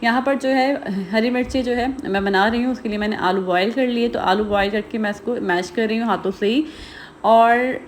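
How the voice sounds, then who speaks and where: A Pakistani cooking vlogger narrates a voice-over for a home recipe, talking viewers through it. She's rapid and chatty with lots of filler phrases, her voice at a middle pitch over faint background noise.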